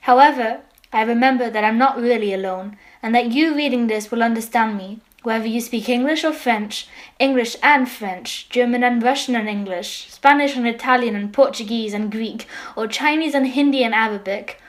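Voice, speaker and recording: A woman's voice: on the high side, moderate pace. A woman delivering a reflective scripted monologue, switching between languages.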